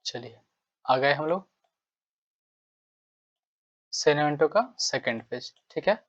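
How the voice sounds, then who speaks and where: A man's voice: on the high side, slow pace, no room sound. Man teaching in questions and answers. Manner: repetitive, quizzing himself with rhetorical questions. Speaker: English vocabulary teacher. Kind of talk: Hindi tutorial lesson. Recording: dry, dull lo-fi mic.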